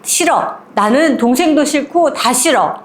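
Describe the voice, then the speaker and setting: A woman's voice: sits high, animated, a little slow, roomy sound, voice pushed up. A woman voicing a young schoolgirl who is hurt and tearful, speaking in a childlike, pleading way. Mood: bitter, sulky.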